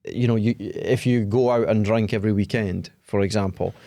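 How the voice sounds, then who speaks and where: A man with a somewhat low voice talks casually as a podcast co-host, often laughing and circling back to restart his points. The sound is close and dry, with no room in it. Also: fairly even intonation, moderate pace, creaky, dark tone, no echo. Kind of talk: casual chat.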